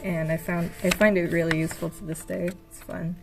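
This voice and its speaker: This art vlogger, a young woman, flips through her old sketchbooks in a relaxed, unsure way, her speech packed with fillers and her voice tiring. The pitch is fairly low and creaky with little movement, and she talks fairly quickly. Background noise and game music sit under her soft voice.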